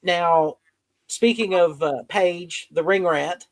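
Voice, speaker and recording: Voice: medium pitch, takes it slowly, no room sound, rough recording. Rambling podcast host, dry sound. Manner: rambling recaps with fillers. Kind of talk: casual podcast chat.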